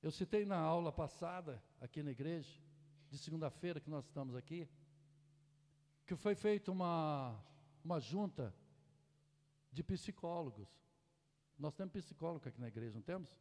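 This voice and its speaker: A man preaching a sermon in a church, shifting from soft asides to loud, impassioned exhortation. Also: on the high side, animated, moderate pace, long pauses. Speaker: pastor. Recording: echoey church hall.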